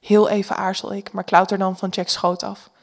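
A woman with a Dutch accent giving calm, intimate first-person story narration. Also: mid-range voice, moderate pace, creaky.

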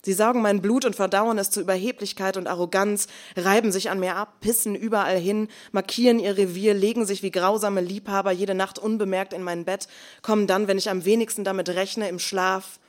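A woman performing an intense, bitter spoken-word monologue, dropping to hushed near-whispers and then rising to loud, forceful bursts. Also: mid-range voice, fairly even intonation, brisk. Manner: bitter, confrontational.

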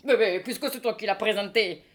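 A woman's voice: medium pitch, a little fast, natural voice. A woman with a French accent reading the part of an indignant middle-aged husband, in a stage reading. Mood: flustered. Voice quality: pompous, mock-solemn.

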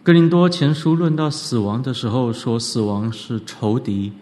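A man giving an animated church lecture on scripture, often leaping up in pitch for emphasis. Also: normal speed. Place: church hall. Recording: reverberant church hall.

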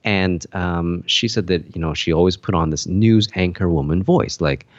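A man's voice: deep voice, moderate pace, dry recording, dull audio. A man co-hosting a podcast in casual chat, rambling with many fillers and restarts. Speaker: podcast co-host.

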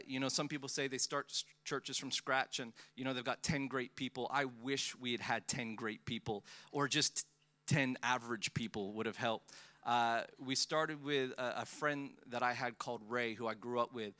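A medium-pitched, bright-voiced male pastor, born in the Philippines and raised in Australia, gives a guest sermon full of personal storytelling. He jokes and pokes fun at himself, using many fillers and restarts.

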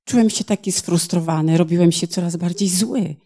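A woman's voice: fairly low pitch, normal speed, warm tone. A woman interpreting a sermon phrase by phrase, in a plain manner with small hesitations.

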